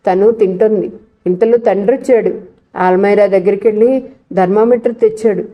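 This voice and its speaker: A woman narrating a novel in a steady, even storytelling voice. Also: medium pitch, moderate pace, highs cut off. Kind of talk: novel reading.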